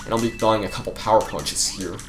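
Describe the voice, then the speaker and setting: A man's voice: on the low side, fairly even intonation, brisk, a bit bright. A young man giving casual, rambling commentary over a video game, chatty and full of fillers. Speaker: let's play commentator. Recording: faint game music behind.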